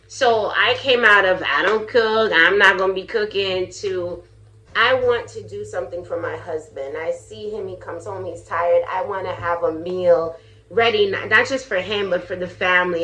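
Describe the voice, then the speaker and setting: A woman's voice: fairly low pitch, pushed and bright. A middle-aged woman from Jamaica hosting a casual cooking vlog, chatty and candid, laughing often as she talks. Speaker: vlogger, channel host.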